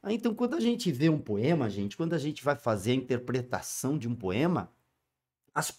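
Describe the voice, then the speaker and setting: A male teacher giving a lively, informal exam-review lesson. He spells out rhyme letters one by one and asks students' questions himself. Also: a little high.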